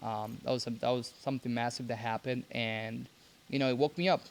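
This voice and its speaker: A young man from Cuba, raised in Mexico, speaking as a podcast guest in a halting way with many restarts. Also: medium pitch, fairly even intonation, a little hiss or hum. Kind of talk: casual interview.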